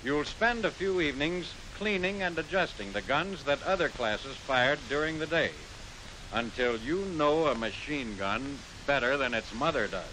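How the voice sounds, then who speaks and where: A middle-aged American man giving formal, instructive mid-century newsreel-style narration for a military training film, in measured phrases. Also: on the high side, animated. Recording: hissy, noisy vintage film soundtrack.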